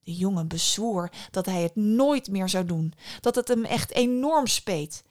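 A woman hosting a podcast, narrating a fairy tale in a calm, intimate storytelling manner with soft asides. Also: mid-range voice, a little slow.

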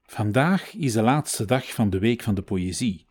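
A man hosting a podcast, reading poems and talking calmly with lively intonation. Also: fairly low pitch, unhurried, breathy edge. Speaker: podcast host. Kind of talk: podcast narration and poetry reading. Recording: music playing behind the voice.

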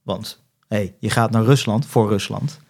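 A man's voice: fairly low pitch, unhurried, darkish tone. A young man from the Netherlands, a podcast guest, tells a travel story in casual chat and acts out phone calls.

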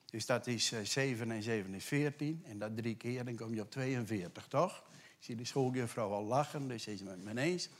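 A man preaching a sermon to a congregation, conversational and animated, dropping to hushed whispers for scripture and rising to loud emphatic bursts. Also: mid-range voice, normal speed. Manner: conversational asides with tag questions. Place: church.

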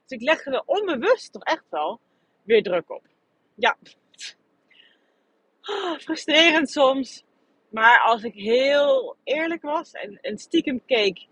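Husky woman in a candid podcast monologue. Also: fairly high pitch. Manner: candid, searching, thinks aloud. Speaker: podcast host. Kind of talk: personal reflective monologue. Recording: dull lo-fi recording.

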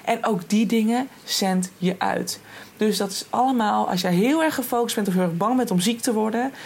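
A woman's voice: mid-range voice, darkish tone, slight background noise. A young woman hosting a solo podcast, talking in a chatty, casual way with many fillers and restarts. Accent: Dutch. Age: young adult. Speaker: podcast host.

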